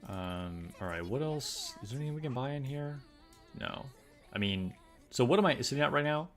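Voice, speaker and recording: A relaxed male gaming streamer talks loosely to his chat, rambling through his thoughts with plenty of "like" and "bro." His voice sits at an ordinary middle pitch, and soft music plays faintly behind him. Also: moderate pace. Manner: laid-back, rambling, fillers and 'bro'. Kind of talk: casual live-stream chat.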